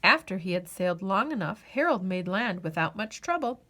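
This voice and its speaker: A woman reading a children's picture book aloud as an expressive narrator, with measured phrasing and dramatic pauses. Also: medium pitch. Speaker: children's storybook reader.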